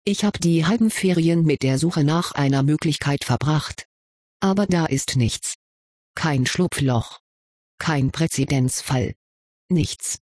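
A reader voicing an earnest schoolgirl who speaks in a subdued, quietly disappointed way in a storybook reading. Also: mid-range voice, takes it slowly, no room sound, studio quality. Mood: resigned.

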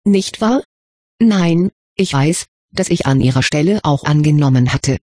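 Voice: medium pitch, expressive, measured pace, warm tone, no room sound, studio quality. A reader voicing a troubled, self-doubting teenage schoolboy, in a storybook reading. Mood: brooding. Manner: subdued, musing.

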